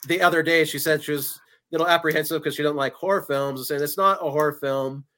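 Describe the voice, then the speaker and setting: A man's voice: a little high, steady tone, fast, fairly bright tone. A man speaking as a filmmaker guest in a casual interview, enthusiastic but a little hesitant.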